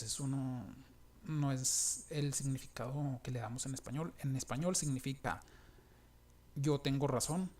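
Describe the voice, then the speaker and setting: Patient, halting male English teacher. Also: mid-range voice, a little mellow. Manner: patient, halting explanation with pauses; reads English example phrases with a questioning lift. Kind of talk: recorded language lesson.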